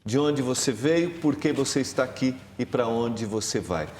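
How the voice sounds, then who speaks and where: A man's voice: moderate pace, slight background noise. A man, a pastor, hosting a Bible study program in a TV studio with emphatic, rising delivery. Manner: warm, emphatic host with lively pitch rises. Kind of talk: religious TV studio talk. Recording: roomy studio with long reverb.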